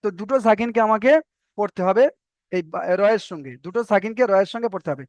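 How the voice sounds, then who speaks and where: Male tajweed teacher, high voice, drills rules by repetition; dry, lo-fi recording. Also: fast, dry recording. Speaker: Quran recitation teacher. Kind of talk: online tajweed lesson. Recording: dry, dull lo-fi sound.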